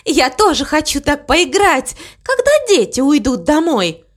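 A woman's voice: high-pitched, sing-song, a little slow, voice pushed up. A woman voicing a jubilant, carefree cow mother in a storybook reading, gushing with delight.

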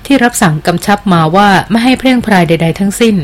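A woman's voice: medium pitch, lively intonation, quick pace, lightly acted. A woman reading aloud as a loyal jungle queen who speaks with earnest, deferential respect in an audiobook.

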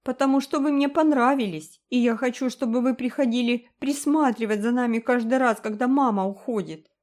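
A woman's voice: on the high side, a little fast, voice pushed up, close to an everyday voice. A woman voicing a mischievous little boy who pleads eagerly. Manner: eager, shouting childish pleas.

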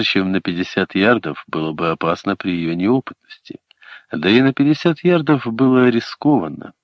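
A man narrating a novel in the first person with a steady storytelling delivery, in a dull, dry recording. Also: low-pitched, dry recording. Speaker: audiobook narrator.

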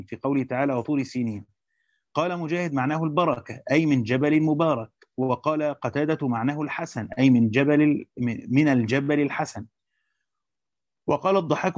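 A man with an Egyptian accent reads a commentary at a rapid clip, breaking off into colloquial asides where he stumbles and restarts his words. The recording is dry and a little dull, as if captured close up with modest equipment. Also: medium pitch, darkish tone, dry recording. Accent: Egyptian Arabic. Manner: fast reading with hesitant restarts in the asides. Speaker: teacher reading and explaining a Quran commentary. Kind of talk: classical Arabic reading with Egyptian colloquial asides.

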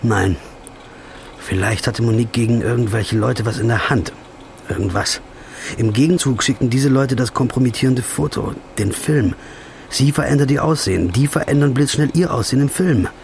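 In this film-style drama, a performer plays an obsessive, hungover detective chasing the truth, delivering clipped lines and a brooding voice-over with grim determination. His medium-pitched, darkish voice carries vocal fry at a normal pace, sounding close to everyday speech, with faint hiss or hum in the background.

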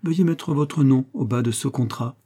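A man's voice: medium pitch, moderate pace, warm tone, voice pushed up, close to an everyday voice. A man reading aloud who voices a stern, mocking noblewoman, a marshal's widow, who gives cold, curt orders. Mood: commanding.

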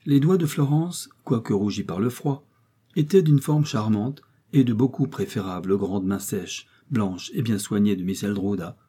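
Husky, dark-voiced male narrator. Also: fairly low pitch, moderate pace. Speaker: audiobook reader. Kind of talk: scripted storybook narration.

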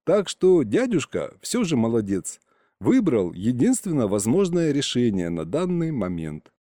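A man reads a first-person audiobook in a lively, conversational tone. His voice is mellow and swings widely. The close mic sounds dry. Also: mid-range voice, unhurried, dry recording. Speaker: audiobook narrator.

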